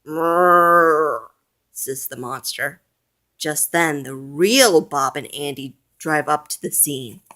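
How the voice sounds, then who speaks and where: A woman reading a children's storybook aloud in a gentle, deliberate way. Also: low-pitched.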